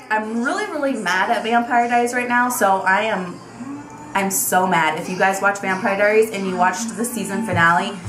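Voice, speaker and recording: A beauty vlogger in her twenties chats casually to camera for a tag video in a small indoor bedroom with a vanity. She talks animatedly and uses lots of fillers. Her voice is medium in pitch and sounds reverberant.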